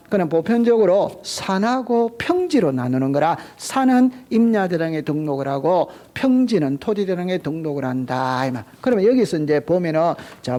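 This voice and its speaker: A man's voice: high-pitched, dark tone. A man teaching a real estate exam class, quizzing students with call-and-response and repeating key terms. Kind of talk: classroom lecture.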